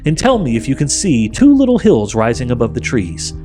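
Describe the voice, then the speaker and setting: A man's voice: medium pitch, huge pitch swings, fairly quick, warm tone, faint music behind. A man voicing a sly, coaxing witch queen for a storybook, speaking in a grand, persuasive, commanding way. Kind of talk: audiobook character voice.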